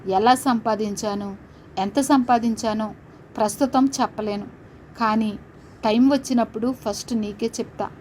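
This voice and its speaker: A gentle young husband who reassures his wife in a coaxing, tender way, voiced by a woman narrator. The voice stays close to her own, a little high. Faint noise sits under the reading. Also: fairly even intonation, moderate pace, natural voice.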